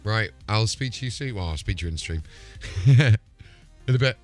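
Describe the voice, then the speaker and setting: A man with a lowish, animated voice chats casually at a moderate pace during a live game stream, soft music playing in the background. Matey and sweary, he talks through technical fixes while troubleshooting software.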